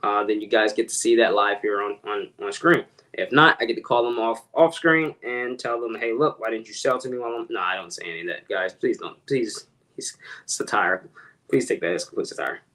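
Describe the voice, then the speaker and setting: A man with a lowish, expressive voice that sounds pushed and bright speaks at a moderate pace over poor audio. He is vlogging casually while making real estate cold calls, rambling, correcting himself, and talking straight to his viewers.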